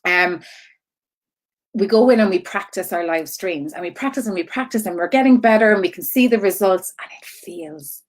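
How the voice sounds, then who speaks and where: A woman's voice: medium pitch, brisk. A woman coaching in an informal live-stream style, rambling off on tangents and circling back, repeating herself and checking in with listeners as she goes. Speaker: online business coach.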